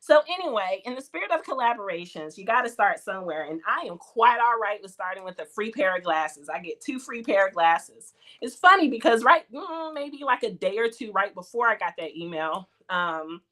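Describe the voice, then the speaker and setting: A woman's voice: mid-range voice, expressive, normal speed, hardly any pauses, sharp tone. A woman, hosting a casual livestream and chatting with viewers. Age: 40s. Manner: chatty, Southern-tinged "y'all" slang, laughs often. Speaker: livestream host.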